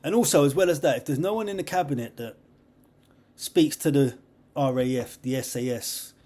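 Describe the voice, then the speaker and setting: A young man, hosting a podcast in a rambling, excitable monologue full of slang and laughter. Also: mid-range voice, moderate pace. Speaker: podcast host. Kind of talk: casual monologue.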